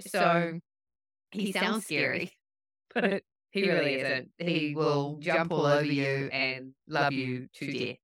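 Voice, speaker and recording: A woman hosting a podcast, telling stories in a lively way with animated quoted speech. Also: fairly low pitch. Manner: lively storytelling, animated quoting. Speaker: podcast host. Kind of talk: podcast conversation.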